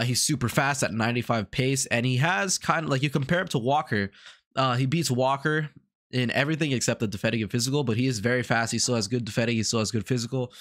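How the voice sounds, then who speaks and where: Congested and sick-sounding from a cold, a gaming YouTuber with a mid-range, somewhat bright voice rambles casually over gameplay. He keeps repeating himself and leans heavily on fillers.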